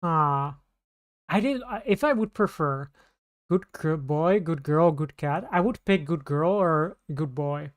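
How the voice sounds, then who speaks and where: A woman streamer chats casually on a live stream in a low, expressive voice at a slow pace. She rambles in a scattered way, often restarting her sentences.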